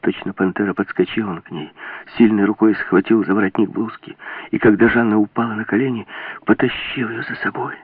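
A man narrating an adventure novel as an audiobook in a steady, dramatic reading. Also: fairly low pitch, brisk, husky, no room sound. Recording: tinny dry lo-fi audio.

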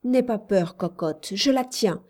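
A woman voicing a calm, devoted young nursemaid who soothes a frightened child with urgent, firm words. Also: medium pitch, a little slow. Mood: hushed urgent. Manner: soothing yet urgent, rising to loud calls.

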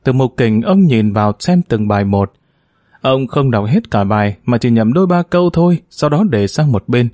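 A man reads an audiobook chapter in an expressive, measured way. His pitch moves in a lively way, and his tone is mellow and dark. The sound is close and dry, with no room around it. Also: no echo. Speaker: narrator. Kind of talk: audiobook narration.

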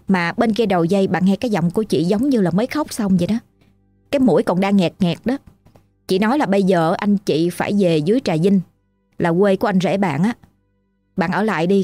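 A woman's voice: mid-range voice, warm tone, no room sound. A woman with a Southern Vietnamese accent narrating a ghost story in a chatty style, talking straight to the listener. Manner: chatty, addresses listener directly.

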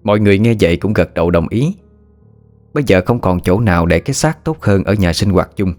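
A man with a very low, deep voice narrating a horror story. His reading is steady, with faint music under it. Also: brisk.

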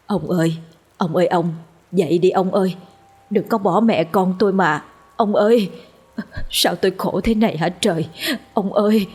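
A woman voicing an old village wife in a ghost story, with a husky voice. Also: on the low side, expressive, normal speed. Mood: wailing.

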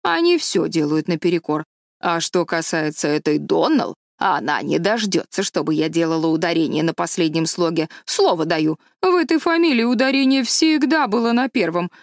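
A woman's voice: on the low side, animated, moderate pace, dry recording, studio quality. A woman reading an audiobook, voicing an opinionated, gossipy older village woman who talks with emphatic disapproval. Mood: disapproving.

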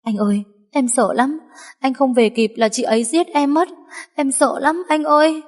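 A woman's voice: high voice, moderate pace, voice pushed up, close to an everyday voice. A woman doing a whiny scheming young woman. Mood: whimpering. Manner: whiny pleading. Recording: long reverb.

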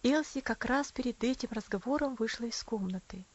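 A woman narrating an audiobook in a measured, expressive reading. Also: a little high. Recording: dry, slightly dull recording.

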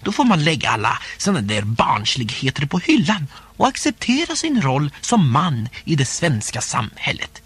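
A man narrating a humorous first-person diary story aloud in a playful, expressive way. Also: on the high side, hardly any pauses, husky. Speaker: audiobook narrator.

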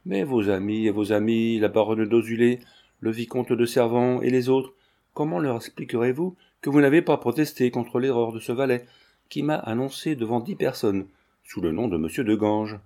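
A man reading the lines of a bold young gentleman who presses and pleads insistently in an audiobook. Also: medium pitch, normal speed, natural voice. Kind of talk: audiobook character voice.

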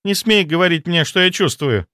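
A man voicing a jealous, desperate female doctor in an audiobook, pleading and shrill. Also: lively intonation, normal speed, fairly bright tone, dry recording, clean studio sound. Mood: angry. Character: jealous, hysterical female doctor, young adult.

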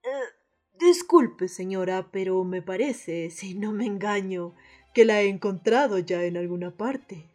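Mujer haciendo de caballero inglés cortés y vacilante. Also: female voice, medium pitch, darkish tone, soft background music, pitched below the performer's own voice, close to an everyday voice. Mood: polite puzzlement. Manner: formal, hesitant, with pauses. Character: Mr. Martin, a polite hesitant English gentleman. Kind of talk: radio theatre acting.

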